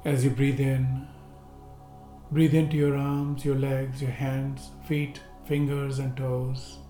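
A man's mellow, dark, mid-pitched voice, showing little pitch movement, leads a seated meditation of guided relaxation. He speaks gently and unhurriedly with long pauses, and a roomy echo carries faint soft music below.

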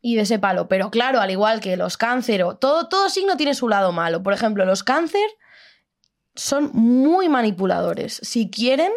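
A woman with a fairly high voice, talking loosely and playfully as a podcast host. Her tone is chatty and relaxed, like friends talking around a table. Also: normal speed. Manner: chatty, playful, explains astrology. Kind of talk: casual chat.

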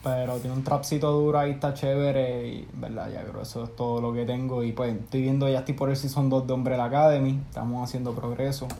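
A young man with a Puerto Rican accent hosting a casual podcast, relaxed and slangy as he recommends music and shows. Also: mid-range voice, fast, creaky, few pauses, a little hiss or hum. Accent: Puerto Rican Spanish. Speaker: podcast host. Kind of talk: casual chat. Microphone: remote call mic.

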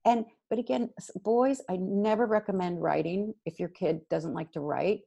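Woman, parenting guest; husky, slightly gravelly voice, lively chat, voices little dialogues. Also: medium pitch, normal speed, highs cut off. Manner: animated, acts out quoted dialogue. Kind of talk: casual advice chat.

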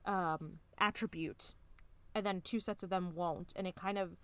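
A woman's voice: on the low side, steady tone. A young woman co-hosting a casual podcast, chatty and playful, who laughs easily. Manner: chatty, giggly, gets loud and playful when rushed. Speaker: podcast co-host. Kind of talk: casual book-club chat.

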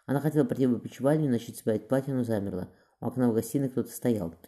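Fast, dark-voiced male audiobook narrator. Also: mid-range voice. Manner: steady, quick reading with small slips and self-corrections. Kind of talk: scripted narration of a historical novel.

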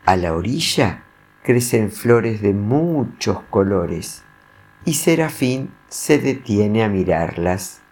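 A man reading a children's story aloud, with an expressive, animated delivery. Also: fairly low pitch, slow.

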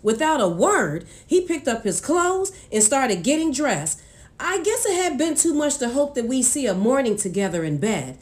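A woman narrating a first-person audiobook in an expressive, confiding way. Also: sits high, moderate pace.

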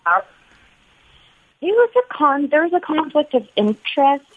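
A woman's voice: high voice, sing-song, a little slow. A woman in her thirties, a guest on a podcast, chatting in a teasing, playful and curious way. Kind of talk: casual chat. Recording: thin phone-like sound.

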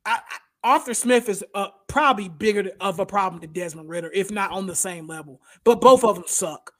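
A man's voice: sits high, fairly quick, fairly bright tone. A man hosting a casual sports talk show, blunt and opinionated, who often says "bro" and "y'all". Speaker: podcast host.

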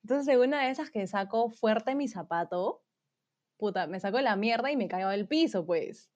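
A woman's voice: medium pitch, expressive, normal speed, a little mellow. A woman telling a story in casual chat, full of slang and fillers. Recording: dull lo-fi sound.

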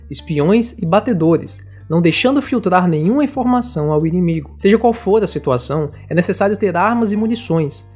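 A narrator with a husky voice, reading a political manifesto in formal, measured declamation. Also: medium pitch, darkish tone. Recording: music behind the voice. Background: instrumental music.

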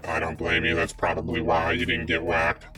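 A grim former mob runner, voiced by a man, talking in a very deep, utterly flat monotone. He keeps his lines short and deadpan, with faint music under the role-play. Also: normal speed, natural voice. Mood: terse. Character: grim male ex-mobster rigger with robotic voice. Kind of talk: tabletop role-play in character.

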